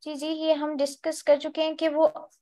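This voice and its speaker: Woman, high voice, patient step-by-step English tutor on an online class. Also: completely flat delivery, moderate pace, mellow. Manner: explains step by step, spells out letters, mixes in English terms. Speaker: English teacher.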